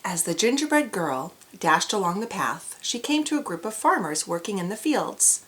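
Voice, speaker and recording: A woman's voice: mid-range voice, very animated, normal speed, slight background noise. A woman reads a picture book aloud to young children. Her delivery is exaggerated and cheery, aimed squarely at little kids, with questions for the listeners along the way. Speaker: storyteller reading to children. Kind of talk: animated children's read-aloud.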